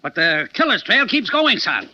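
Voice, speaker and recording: A man playing a gruff, impatient older police inspector in a 1940s radio mystery, blunt and easily exasperated. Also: high-pitched, very animated, normal speed. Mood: urgent. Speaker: radio actor. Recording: dull, noisy 1940s radio recording.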